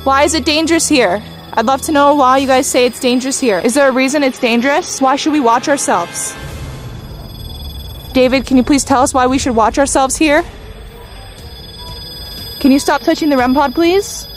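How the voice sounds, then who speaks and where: A woman's voice: high-pitched, normal speed, pauses often, soft background music. A young woman in a casual, chatty ghost-hunting vlog, talking directly to spirits and to her viewers. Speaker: paranormal vlogger.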